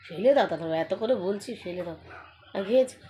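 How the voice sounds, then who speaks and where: A woman's voice: medium pitch, lively intonation, brisk, muffled recording, slight background noise. A woman, chatting with her family at home in a casual vlog, teasing and scolding. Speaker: family vlogger.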